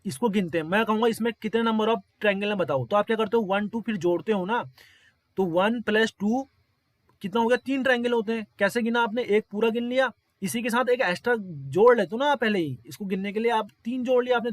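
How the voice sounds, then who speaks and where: A man's voice: sits high, dry recording. A man teaching exam figure-counting problems step by step, counting aloud and often quizzing his listeners.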